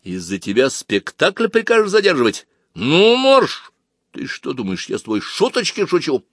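A man's voice: on the high side, huge pitch swings, moderate pace, fairly bright tone, no echo, studio quality, pitched above the performer's own voice, full character voice. Man doing a barking, bossy teen stage manager. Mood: stern, scolding. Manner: barking orders.

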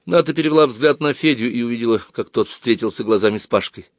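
A man narrating a children's storybook in an expressive, lively way. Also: medium pitch, quick pace, no room sound, studio quality. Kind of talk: storybook reading.

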